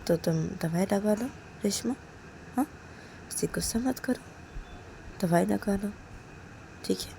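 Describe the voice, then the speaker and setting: Pleading caring young woman, played by a woman, coaxing repeats, slight vocal fry. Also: mid-range voice, slow pace, pauses often, warm tone, a little hiss or hum.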